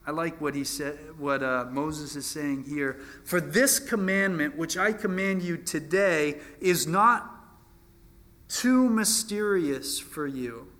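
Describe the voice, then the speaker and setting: A man in his twenties preaches casually from the Bible, taking his time in a voice that runs high and sounds sharp. He's conversational and self-deprecating, regularly breaking off to restart phrases.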